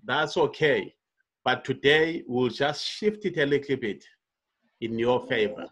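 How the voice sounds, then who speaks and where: A man in his fifties, a network marketing coach, giving an online coaching presentation in an unhurried way, with frequent fillers and restarts. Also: medium pitch, animated, fairly bright tone. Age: 50s. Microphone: computer mic on a video call.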